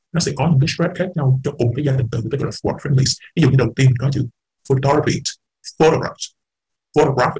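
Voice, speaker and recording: A man's voice: medium pitch, a little mellow, breathy edge, poor audio. A man teaching an English class, explaining patiently, repeating words and mixing English terms into his talk. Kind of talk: online class lecture.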